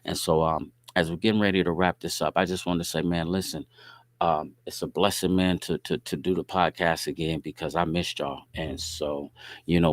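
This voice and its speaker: Deep-voiced laid-back man podcasting. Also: no room sound. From Indianapolis, USA. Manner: laid-back, streetwise, keeps checking in with listeners. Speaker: podcast host. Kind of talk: casual storytelling talk.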